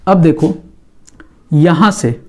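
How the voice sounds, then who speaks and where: High-voiced male physics teacher. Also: animated, slow. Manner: checks in often with the class, casual and patient; talks while drawing on a board. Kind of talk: explaining a lesson at a board.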